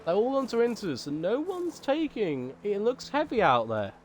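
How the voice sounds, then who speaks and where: Man, race commentary, high voice, excitable then deliberately flat and quiet, faint background hiss. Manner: excitable, rising pitch at big moments, then deliberately subdued and monotone. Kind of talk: sim racing commentary.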